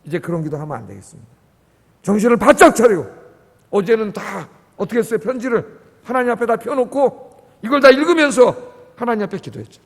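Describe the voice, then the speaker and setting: Man, pastor, preaching an early-morning sermon, high voice, impassioned, swings from quiet to loud, long reverb of a church sanctuary. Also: animated, brisk.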